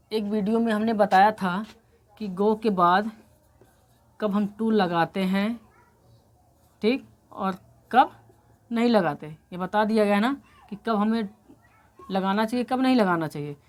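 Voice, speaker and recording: Woman, English teacher, slight cold, step-by-step grammar lesson, repeats points, checks understanding, mid pitch. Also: darkish tone. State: coming down with a cold.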